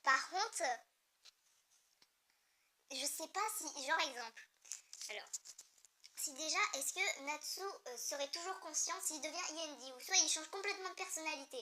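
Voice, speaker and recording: A young woman excitedly reacting to a comic chapter, reading panels aloud, swearing and laughing often. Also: high-pitched, normal speed, long pauses. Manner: excitable, swears freely, bursts into frequent laughter; reads the characters' lines in her own plain voice. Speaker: manga reader reacting to a new chapter.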